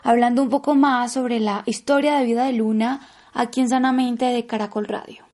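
A woman hosting a radio health show in a smooth, composed way. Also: a little high, steady tone, moderate pace, a little mellow.

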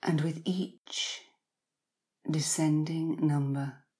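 A woman guiding hypnotic relaxation in a slow, soothing countdown manner, soft and breathy with long pauses, often sinking to a near-whisper. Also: deep voice, fairly even intonation.

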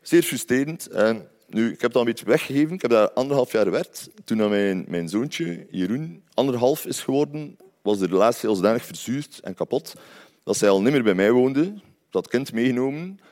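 A man's voice: mid-range voice, lively intonation, moderate pace, a little mellow. A man from Ghent with a Flemish accent, telling a personal story in a conversational way with wry asides to his listeners. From Belgium, Ghent.

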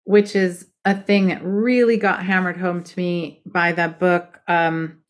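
A woman's voice: fairly low pitch, little pitch movement, measured pace. A woman book coach chatting as a podcast guest, emphatic and direct about how writing should be done. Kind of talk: casual podcast conversation.

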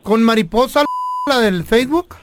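A man's voice: extremely high pitch, moderate pace. A man, a radio comedy host joking and teasing his co-hosts. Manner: teasing, playful. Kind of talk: joking banter, prank call.

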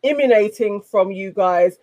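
A woman's voice: mid-range voice, a little slow, dark tone, dry recording, dull audio. A woman hosts in a casual, chatty style. Her mid-range voice is recorded dry, with little room sound, as she talks and reads out messages. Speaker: panel show host. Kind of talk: casual chat and reading out viewer comments.

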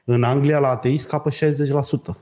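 A man's voice: medium pitch, fairly even intonation, mellow. A man co-hosting a casual political chat, joking and sarcastic, often laughing as he talks. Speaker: co-host.

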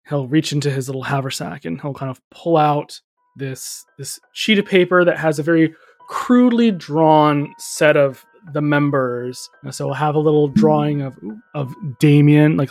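A game master narrating a tabletop role-playing game at a middle pitch. The delivery is relaxed and conversational, with small asides and laughs. Faint music sits under the voice. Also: moderate pace, no echo.

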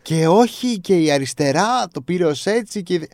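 A man's voice: high voice, expressive, a little mellow, no echo. A man co-hosting a podcast in a small studio, chatting casually and joking, laughing easily. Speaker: podcast co-host. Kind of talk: casual chat.

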